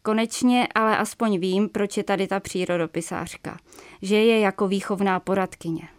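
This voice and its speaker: A woman author reading her own novella aloud in a measured, even way, with a few small slips, in a radio studio. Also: mid-range voice, no room sound. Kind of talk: reading literary prose aloud.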